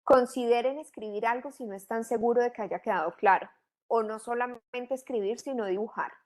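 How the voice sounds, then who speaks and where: A woman's voice: fairly high pitch, fairly quick, a little mellow. A middle-aged woman, teaching a training course in a didactic way, asking many rhetorical questions. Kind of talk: online training lecture.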